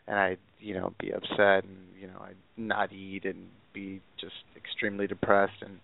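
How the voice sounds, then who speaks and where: A man's voice: low voice, monotone, moderate pace, creaky. A man in his twenties from Southern California, calling in over a phone line. He talks hesitantly and rambles, with many fillers. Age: 20s. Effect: heard over a phone line. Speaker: caller. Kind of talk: call-in advice conversation. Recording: tinny phone line, faint and distant.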